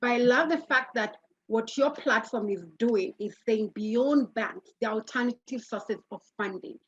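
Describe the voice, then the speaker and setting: A woman's voice: on the high side, unhurried, breathy edge, no room sound. A woman moderating a conference panel, enthusiastic and affirming as she introduces speakers, on dull online call audio.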